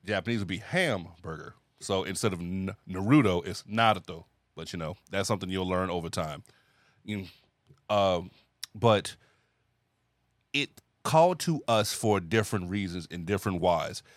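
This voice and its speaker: A man's voice: low-pitched, normal speed, pauses often, no echo, studio quality. A man hosting a podcast in a casual, talkative chat, laughing easily. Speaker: podcast host.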